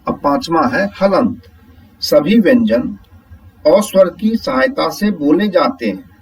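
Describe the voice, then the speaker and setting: A man teaching a Hindi grammar lesson, explaining slowly step by step and asking the viewers whether it is clear. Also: fairly high pitch, expressive, distant mic, low-quality recording.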